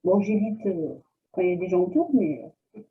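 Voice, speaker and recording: A woman taking part in a group coaching call, speaking slowly and hesitantly. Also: on the low side, sing-song. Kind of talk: casual sharing on a call. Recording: tinny phone-like call line.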